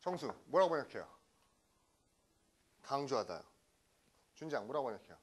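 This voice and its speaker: A middle-aged man from South Korea giving a lively English vocabulary lecture, often checking in with his students. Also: mid-range voice, normal speed, breathy edge. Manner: lively, keeps checking in with the class. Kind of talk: classroom lecture.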